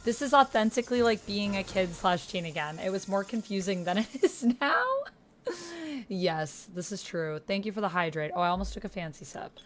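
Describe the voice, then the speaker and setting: A woman with an expressive, mid-range voice speaks at a moderate pace over a slight hiss or hum. As host of a text-based roleplaying game, she chats informally and uses slang while going along with the typed roleplay.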